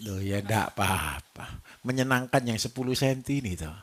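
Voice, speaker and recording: A man's voice: on the low side, expressive, normal speed. A man with a Javanese accent giving a live workshop lecture to farmers, joking and quizzing his audience as he goes. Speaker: livestock trainer.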